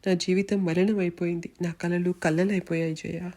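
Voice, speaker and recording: A woman's voice: lowish voice, level tone, normal speed, mellow, lightly acted. A woman voicing a grief-stricken young wife who pleads in a tearful, despairing way, in a storybook reading.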